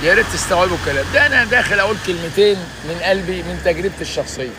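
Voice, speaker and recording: A man's voice: high-pitched, lively intonation, very fast, noisy background. A man in his sixties with an Egyptian Arabic accent gives emphatic, preachy motivational advice in a casual vlog, often saying "ya basha". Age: 60s. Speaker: vlogger giving life advice.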